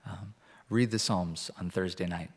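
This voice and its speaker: A man preaching as a pastor and reading scripture aloud, earnest and deliberate, with pauses between phrases. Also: low-pitched, steady tone, breathy edge. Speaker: pastor leading a church prayer meeting. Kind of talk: sermon with Bible reading. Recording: reverberant hall, long echo.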